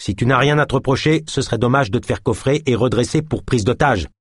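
A man's voice: mid-range voice, fast talker, husky, dry recording, clean studio sound, voice pushed up, close to an everyday voice. A man doing a firm, commanding investigator. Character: determined male investigator, firm under pressure.

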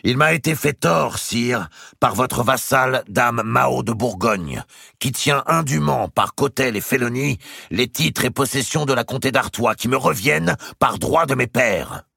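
A man voicing a proud, hot-tempered nobleman in an audiobook, declaiming loudly and formally. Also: medium pitch, lively intonation, a little slow, vocal fry, breathy edge, no echo, studio quality, voice pushed up, exaggerated voice. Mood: indignant. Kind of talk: audiobook character voice.

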